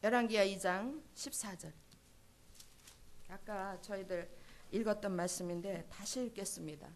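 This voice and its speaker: A woman's voice: medium pitch, normal speed. A woman preaching a sermon at a church service, emphatic and full of rhetorical questions. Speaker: pastor's wife preaching.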